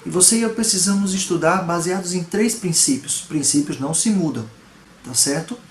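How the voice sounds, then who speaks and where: A man's voice: high voice, moderate pace. A man from Salvador, Brazil, preaching a home video sermon with earnest emphasis and rhetorical questions. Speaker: pastor. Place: home room. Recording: echoey room, faint background noise.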